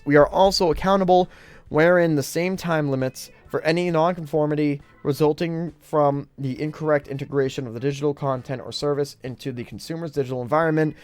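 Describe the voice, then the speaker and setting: A man's voice: on the high side, clean tone, dry recording. A man reading a long legal agreement aloud word for word, stumbling now and then and correcting himself. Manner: plain read-aloud with stumbles, self-corrections and apologies; reads out punctuation such as "open bracket" and "slash". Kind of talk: verbatim reading of a legal text.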